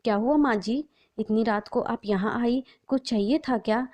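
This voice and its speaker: A woman's voice: a little high, normal speed, darkish tone, voice pushed up, lightly acted. A woman voicing a scheming young daughter-in-law with an impatient, scolding manner. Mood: falsely sweet. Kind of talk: storybook narration.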